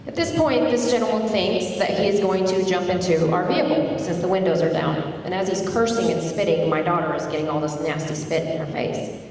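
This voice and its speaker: At a community dialogue event, a middle-aged woman with a lowish voice and a brisk pace recounts a personal story. Originally a Turkish speaker, she lives in Tulsa, Oklahoma, and talks conversationally, becoming animated as she retells events. The hall is echoey, picked up by a distant mic with faint noise behind.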